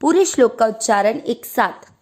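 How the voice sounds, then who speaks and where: A woman teaching Sanskrit verse pronunciation, breaking words into syllables and reciting them slowly and drawn out. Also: a little high, lively intonation, darkish tone. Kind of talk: patient pronunciation lesson.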